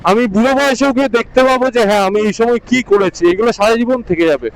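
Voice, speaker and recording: High-voiced man vlogging from his motorbike. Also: very fast, poor audio. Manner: chatty, repeats short instructions to his pillion. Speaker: motovlogger. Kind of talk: casual vlog narration while riding. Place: outdoors on a motorbike on the highway.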